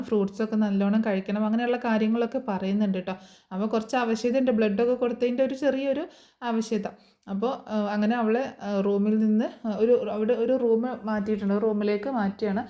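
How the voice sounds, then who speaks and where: A woman's voice: mid-range voice, warm tone. A woman casually retelling a TV serial episode as a voice-over, chatty and full of fillers. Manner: chatty, frequent fillers and tag words. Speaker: serial review narrator. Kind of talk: casual storytelling recap.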